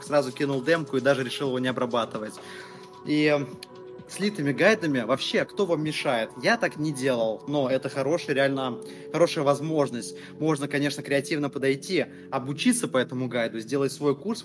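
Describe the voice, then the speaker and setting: A man in his twenties, a guest entrepreneur talking casually in an interview, slangy and swearing freely. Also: medium pitch. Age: 20s.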